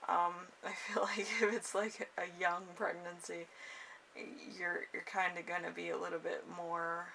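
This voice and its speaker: Gravelly low-voiced woman reading tarot. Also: little pitch movement, unhurried, bright, forceful tone. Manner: rambling and hesitant, trailing off with frequent chuckles. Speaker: tarot card reader and channel host. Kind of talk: casual, improvised tarot horoscope reading. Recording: noisy room, distant microphone.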